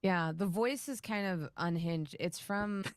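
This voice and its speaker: A woman's voice: mid-range voice, a little slow, no room sound, clean studio sound. A woman game master chatting casually in a livestream Q&A, rambling and laughing often. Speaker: game master and show creator.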